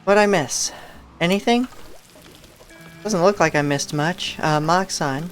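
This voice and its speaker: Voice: mid-range voice, takes it slowly, soft background music. A live streamer giving casual gameplay commentary, musing aloud and thinking through each choice.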